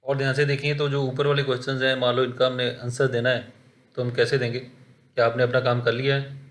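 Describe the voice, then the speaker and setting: A man with an Indian accent teaching a spoken-English lesson, explaining with examples in a steady, patient way. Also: mid-range voice, a little fast.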